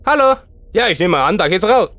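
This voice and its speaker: Male let's play host, high and lively, excitable horror commentary. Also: a little fast, no room sound. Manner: excitable, chatty, talks to the game characters.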